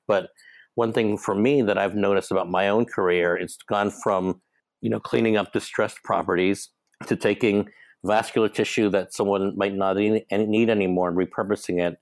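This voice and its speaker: A man from Hong Kong, in his thirties, telling his story as a podcast guest in a relaxed, rambling way with fillers. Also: sits low, no echo, low-quality recording. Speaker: guest, startup co-founder. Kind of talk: casual interview talk.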